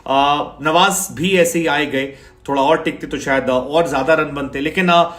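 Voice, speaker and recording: A man's voice: a little high, normal speed, fairly bright tone, roomy sound. A man giving a chatty, sarcastic cricket match analysis, dropping English phrases into his talk.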